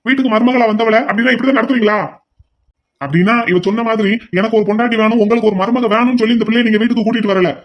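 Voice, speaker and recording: Voicing an indignant elder son in a cartoon, a man lectures his family at length while defending the character's wife. His voice is extremely high and racing, with fairly even intonation, on dull lo-fi audio.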